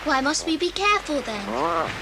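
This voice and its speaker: A woman's voice: high voice, big pitch swings, moderate pace, gravelly, over a noisy crowd, exaggerated voice. A woman playing a sweet, anxious, curious little girl in a children's audio drama, with a questioning, childlike manner. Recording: very noisy old cassette dramatisation.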